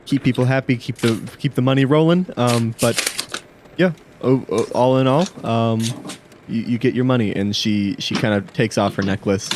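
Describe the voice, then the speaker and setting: A man's voice: medium pitch, moderate pace, noisy background. A man narrating a tabletop game as game master, hesitant, with many fillers and restarts.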